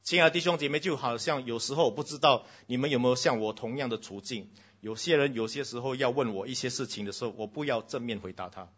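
A man preaching a sermon to a congregation, switching between loud exclamations and hushed lines, slipping in English phrases and speaking directly to the children. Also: mid-range voice, fast, breathy edge, lo-fi sound.

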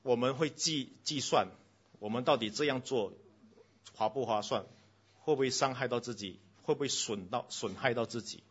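A man preaching a sermon to a congregation, switching between loud exclamations and hushed lines, slipping in English phrases and speaking directly to the children. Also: medium pitch, moderate pace, breathy edge, lo-fi sound.

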